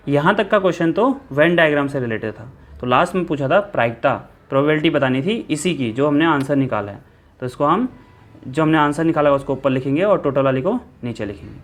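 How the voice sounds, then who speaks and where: A man teaching an exam-prep maths lesson, working through a problem step by step and repeating key points, with faint music behind him. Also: on the high side. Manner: steady explaining, repeats steps, self-corrects. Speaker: maths tutor.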